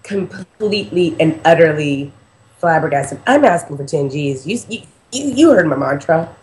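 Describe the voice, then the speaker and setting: Animated woman telling a story. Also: low-pitched, moderate pace. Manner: animated, emphatic, heavy use of "like". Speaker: guest telling her story. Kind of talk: excited personal storytelling.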